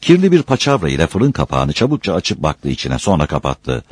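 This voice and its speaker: A man reading a village story aloud in an expressive, unhurried way. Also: rumbling low, slightly rough, no echo, studio quality. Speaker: narrator.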